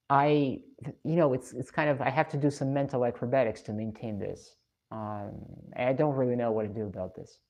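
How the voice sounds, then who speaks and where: A woman's voice: extremely low pitch, darkish tone. A woman from Russia, chatting casually on a live stream and reading out comments. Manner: chatty, reflective, laughs often.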